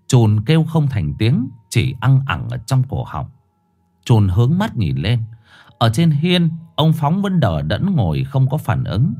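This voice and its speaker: Man narrating a lively story. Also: medium pitch.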